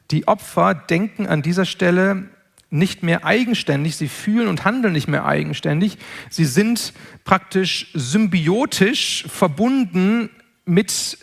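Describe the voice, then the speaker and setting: High-voiced, gravelly man lecturing earnestly. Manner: measured, earnest, with frequent word repetitions. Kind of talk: spoken lecture.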